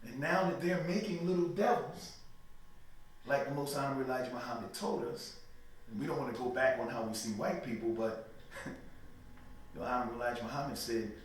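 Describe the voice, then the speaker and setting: A brisk-speaking man with a mid-range voice appears as an interview guest. He preaches emphatically on religious topics and keeps checking "you know what I mean." Expect an echoey room, a faraway mic, and light background noise.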